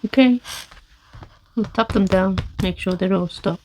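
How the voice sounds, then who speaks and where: Mum at home guiding kids through a craft, mid pitch, soft and coaxing, with clear background music. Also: female voice, measured pace, poor audio. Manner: gentle, coaxing, encouraging instructions. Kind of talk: casual family chat while crafting. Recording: music playing underneath.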